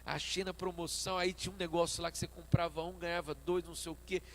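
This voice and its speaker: A man with a Brazilian Portuguese accent, a pastor preaching a sermon at a church service and telling stories in an animated way. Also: a little high, fast, slight background noise. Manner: animated storytelling, acting out his own past dialogue.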